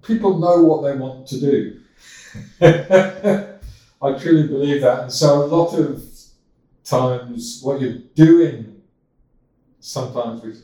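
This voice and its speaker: An older man in casual interview talk, speaking in a halting way with many restarts, as a podcast guest. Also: mid-range voice, mellow, distant mic. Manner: halting, with frequent repeated starts. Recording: echoey room, from off-mic.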